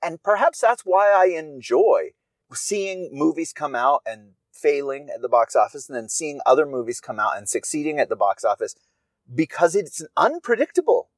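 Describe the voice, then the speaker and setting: A man muses aloud on a casual solo podcast, his voice lively and swinging up and down in pitch. He wanders into wry asides as he thinks. The sound is close and dry, with no room around it. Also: normal speed, no room sound. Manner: musing, digressive, wry asides. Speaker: writer podcaster.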